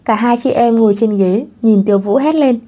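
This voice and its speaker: Narrator nữ giọng trầm ấm. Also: female voice, on the high side, moderate pace, warm tone. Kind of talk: audiobook narration of a web novel.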